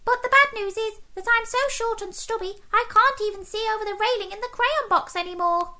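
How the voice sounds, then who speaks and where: A woman voicing a tired, worn-down little blue crayon in a children's storybook, in a squeaky, weary, pleading voice. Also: brisk, sharp tone.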